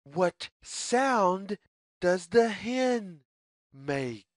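A storyteller reads aloud to young children in a mid-pitched voice with lively, sing-song intonation. The phrasing is very slow and deliberate. The recording is studio quality with no echo.

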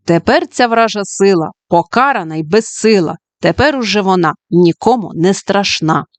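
A woman's voice: medium pitch, animated, moderate pace, dry recording, lightly acted. A commanding dog detective of the fairy-tale police, as a woman narrator puts him on. He speaks in a solemn, firm way. The sound is close and dry.

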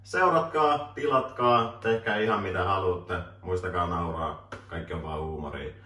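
A man's voice: sits low, pushed and bright. A man in his twenties hosting a casual joking interview, laughing often and reading questions off a phone in a small room. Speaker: host asking questions. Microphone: camera mic from a distance. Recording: roomy distant camera audio, faint hiss.

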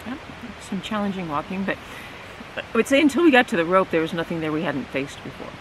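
A man's voice: high-pitched, big pitch swings, quick pace, fairly bright tone, poor audio. A middle-aged man casually recapping a hard hiking day at an outdoor campsite, talking around a candy in his mouth. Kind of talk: casual chat. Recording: outdoor hiss and stream noise.

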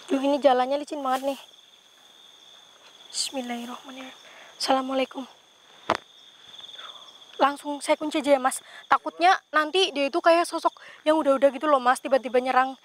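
High-voiced woman on a tense ghost hunt. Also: steady tone, a little fast, pauses often, a little hiss or hum. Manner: tense, exclamatory, keeps calling to her companion. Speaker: ghost-hunting vlogger. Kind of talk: live narration on a night ghost hunt. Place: outdoors among trees at night.

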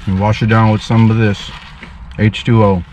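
Recorded on a dash cam from his parked car, a man in his thirties who preaches on the street vlogs casually, slipping in preaching asides. He speaks slowly and earnestly, pious and a bit formal, with a low-leaning voice and little pitch movement, over background noise.

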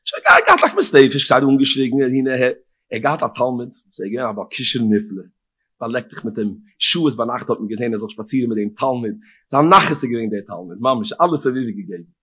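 A male rabbi giving a Torah lecture, chanting scripture verses in a rising sing-song and swinging from hushed murmurs to emphatic outbursts. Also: medium pitch, sing-song, fast, slightly rough.

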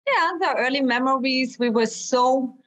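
A woman with a German accent speaks as a guest in a casual conversation. Her voice sits fairly high, and she chats freely with fillers and laughter. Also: measured pace, fairly bright tone, rough recording. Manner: chatty, laughs often, many fillers. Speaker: guest artist.

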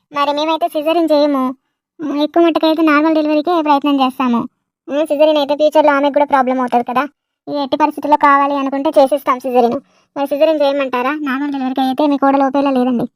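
Cartoon doctor voiced by a woman: firm and explanatory, very high and fast. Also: flat delivery, dry recording, clean studio sound, close to an everyday voice. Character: firm, calm female hospital doctor.

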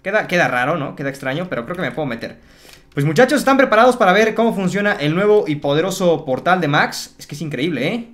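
A man commentating his Minecraft play for viewers, excitable and chatty, repeating words and exclaiming. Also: high-pitched, quick pace. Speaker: gaming YouTuber.

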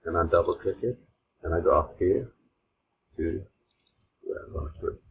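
Recorded as a voice-over at an old computer, this informal software tutorial is led by a Swedish host with a very deep, halting voice. The audio is poor, with steady clear background noise and mouse clicks throughout.

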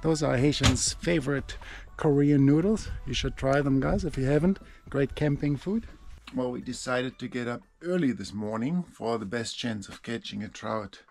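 A man in his thirties with a mid-range, slightly creaky voice narrates a casual fishing vlog at a moderate pace, with faint music in the background. Chatty and relaxed but a little unsure of himself, he drops hesitant asides while filming on a handheld action camera outdoors by a lake and in a camper van.

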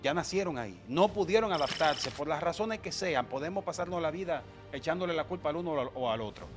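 A man's voice: on the high side, lively intonation, quick pace, music in the background. A middle-aged man making firm, analytical points as a panelist in a heated studio debate. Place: dark studio. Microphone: desk mic on boom arm.

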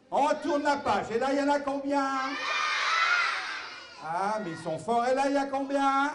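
A man with a very high voice performs a clown act, playful and over the top, with constant cries and jokes aimed at the audience. He is recorded in an echoey hall, with a noisy crowd of children clapping and chattering behind him. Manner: playful, exaggerated exclamations, banters with the audience. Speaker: clown entertainer. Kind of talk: live clown show for children.

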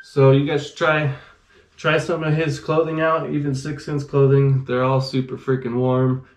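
Speaking at normal speed in a level, medium-pitched tone, a thirtysomething man runs a casual fishing unboxing vlog. The small indoor gear room sounds reverberant with slight background noise, and his talk stays laid-back and rambling, full of "freaking."

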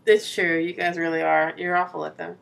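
A woman's voice: on the low side, level tone, fairly quick, gravelly. A young woman co-hosting a let's play, chatting casually, giggling and reading game text aloud in a playful way. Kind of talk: casual gameplay chat.

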